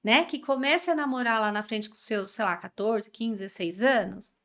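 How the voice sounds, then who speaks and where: A Brazilian woman speaking as a podcast guest, explaining in an animated way and acting out what parents and children say. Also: fairly high pitch, normal speed. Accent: Brazilian Portuguese. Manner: animated, acts out quoted parents and kids. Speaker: guest expert on emotional education. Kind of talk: conversational podcast interview.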